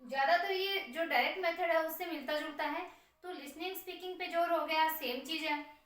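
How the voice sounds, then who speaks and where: A woman's voice: very high-pitched, normal speed, a bit bright. A woman teaching a class, explaining a lesson and answering her own questions while writing on the board. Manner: writes on a board while speaking. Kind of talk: classroom lecture. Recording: very echoey room, far from mic.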